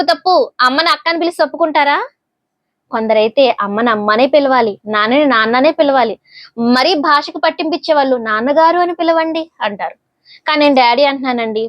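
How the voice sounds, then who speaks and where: A woman with a high voice preaches a sermon in a conversational way. She keeps putting questions to her listeners. The recording is dry and close. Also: no echo, lo-fi sound.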